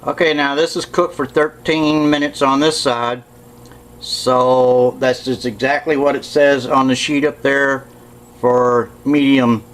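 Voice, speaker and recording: A man's voice: medium pitch, level tone, unhurried, rough recording. A man doing a casual home cooking demonstration in his kitchen, plainspoken and correcting himself as he goes.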